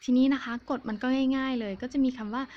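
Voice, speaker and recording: A woman giving a pronunciation lesson, speaking clearly and carefully and repeating each example word twice. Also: sits high, fairly even intonation, quick pace, lo-fi sound, slight background noise. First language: Thai. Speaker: language teacher. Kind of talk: slow, patient pronunciation lesson.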